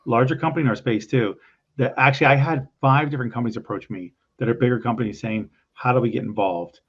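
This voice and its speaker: Gravelly man on a dull line. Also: mid-range voice, fast, slight background noise. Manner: enthusiastic, salesy. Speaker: event organizer. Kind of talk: casual conversation.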